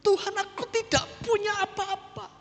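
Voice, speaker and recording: Man acting out stuttering old Moses, high strained voice, church hall echo. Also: little pitch movement, moderate pace, fairly bright tone. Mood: pleading. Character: stammering anxious Moses, older man pleading. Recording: church hall reverb, faint music.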